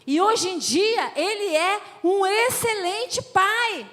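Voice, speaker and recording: A woman telling family stories in an emphatic, lively preaching talk at a family conference. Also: very high-pitched, slow pace. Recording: long hall reverb.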